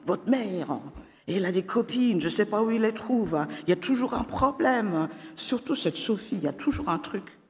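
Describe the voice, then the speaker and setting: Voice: mid-range voice, expressive, moderate pace, darkish tone, close to an everyday voice. A storyteller voicing a grumbling, curt father who is cooking with his children. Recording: long hall reverb.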